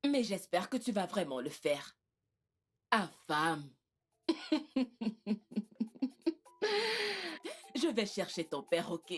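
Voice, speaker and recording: Here is a doting queen mother who calms her son. She speaks slowly and soothingly in a husky voice. Faint film music plays beneath her lines. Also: fairly low pitch, exaggerated voice. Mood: reassuring. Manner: soothing, patient. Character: gentle, doting royal mother of a prince. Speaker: dubbed film actor.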